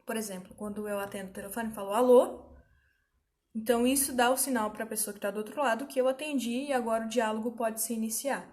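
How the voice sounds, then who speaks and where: A woman's voice: fairly high pitch, steady tone, quick pace, few pauses. A woman teaching an online grammar lesson, explaining patiently and often checking that students follow.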